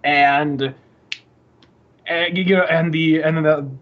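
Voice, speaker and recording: A man's voice: a little high, little pitch movement, slow, muffled recording. A man co-hosting a casual podcast, rambling and profane, often restarting his sentences while he searches for words. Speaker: podcast co-host. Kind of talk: casual game-industry chat.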